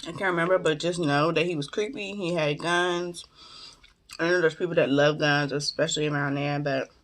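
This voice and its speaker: Low-voiced woman talking with mouth full. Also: steady tone, moderate pace. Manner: informal slangy storytelling, acting out quoted dialogue. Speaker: vlogger telling personal stories. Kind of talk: casual storytime mukbang chat.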